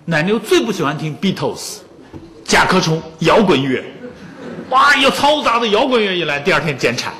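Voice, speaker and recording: A man's voice: high-pitched, big pitch swings, normal speed, bright, forceful tone. A man in his fifties giving a public lecture on music, telling anecdotes and joking with the audience.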